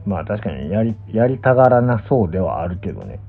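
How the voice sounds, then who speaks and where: A young man with a Kansai accent talks off the cuff in a casual stream chat. His pitch moves around a lot as he muses and hedges. The sound is narrow and phone-like, with faint music underneath. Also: big pitch swings, brisk, creaky. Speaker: pro gamer and streamer. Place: small indoor room, lying down. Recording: muffled, thin phone-like audio.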